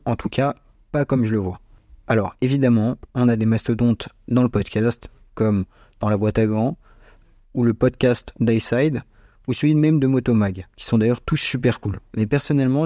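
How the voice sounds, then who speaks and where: Male podcast host, around 20. Soft-edged, relaxed tone, informal and chatty, close dry home recording. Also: mid-range voice, brisk, no echo. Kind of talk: scripted casual monologue. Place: small bedroom at parents' home, dry sound. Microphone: small home microphone.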